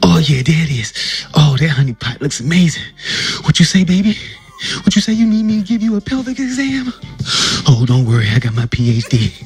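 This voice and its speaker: A man's voice: fairly high pitch, sing-song, brisk, darkish tone, breathy edge, exaggerated voice. A man voicing a flustered, joking young male college bear in a cartoon, often stammering.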